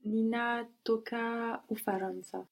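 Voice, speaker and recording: A woman's voice: a little high, fairly even intonation, gravelly. A woman answering in a language lesson, tentative and sounding out each word. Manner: slow and tentative, sounding out words. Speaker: language student.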